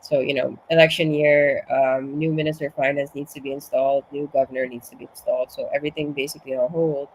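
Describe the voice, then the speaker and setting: A woman's voice: a bass voice, little pitch movement, fast talker, hardly any pauses, a little hiss or hum, rough recording. A woman from Suriname, a guest in a casual interview, a bit out of breath from being sick, explaining at length with many restarts. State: slightly out of breath from illness. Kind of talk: casual conversation.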